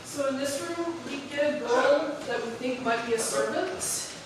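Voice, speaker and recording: A woman with a slightly high voice explains things casually as a house guide. She is heard from off the mic in a very reverberant old room, with noticeable noise. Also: unhurried. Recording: very echoey, distant, noisy room.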